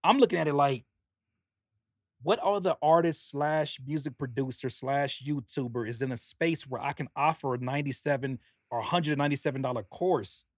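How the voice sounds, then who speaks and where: On a podcast, a man who raps and produces talks through his album's pre-order bundle with earnest animation, in a relaxed conversation. He speaks at normal speed in a mid-range voice, and the studio sound is dry and clean.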